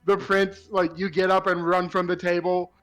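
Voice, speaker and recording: A man's voice: high voice, level tone, moderate pace, a bit bright, faint music behind, rough recording. A man chatting casually as a player in a tabletop role-playing game.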